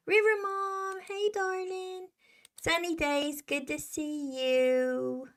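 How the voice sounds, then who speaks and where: A woman's voice: high voice, creaky. A woman hosting a live stream in casual chat, greeting her viewers affectionately as darling. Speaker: livestream host.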